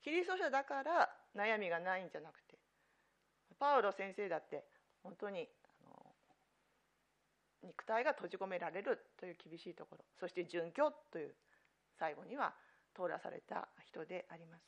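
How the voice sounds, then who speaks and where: A woman pastor preaching a sermon earnestly, stressing key phrases loudly and letting her phrase endings fall soft and quiet. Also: on the low side, animated, normal speed, lo-fi sound. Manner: earnest, emphatic preaching with sudden loud stresses.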